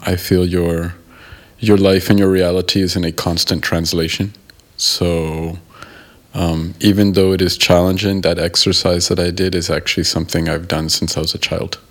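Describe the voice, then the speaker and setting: A man from the United States, a guest in an interview, answering in a thoughtful, measured way and pausing to rephrase. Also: deep voice. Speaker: guest, member of an art collective.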